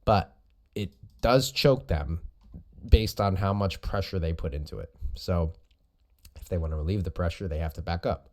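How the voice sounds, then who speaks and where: A man's voice: low-pitched, normal speed, a little mellow. A man speaking as a host and coach, giving casual, informal explanatory commentary over recorded sparring footage. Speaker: host and jiu-jitsu coach.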